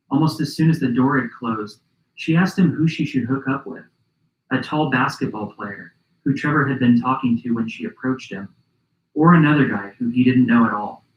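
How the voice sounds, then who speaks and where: A man hosting and narrating a documentary podcast in a measured, reflective scripted style. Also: mid-range voice, roomy sound, muffled recording.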